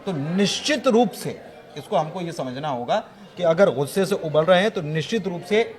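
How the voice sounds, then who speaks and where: A man analysing news in a studio discussion, emphatic and explanatory, often pausing to hesitate. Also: on the high side, lively intonation, soft background music.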